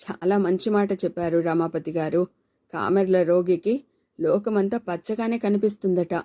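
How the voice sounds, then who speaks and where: A stern, blunt middle-aged man from a storybook, firm and scolding, read in a woman's own low, mellow voice. He speaks plainly and means every word. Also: fairly even intonation, normal speed, lightly acted.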